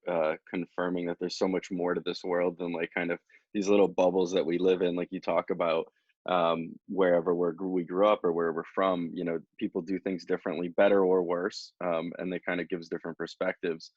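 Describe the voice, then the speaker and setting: A male podcast host with a deep voice asks eager, friendly questions in halting, restarting phrases. The sound is dry and close, with the dull tone of video call audio. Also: level tone, a little mellow, dry recording. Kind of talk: casual interview. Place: parents' house.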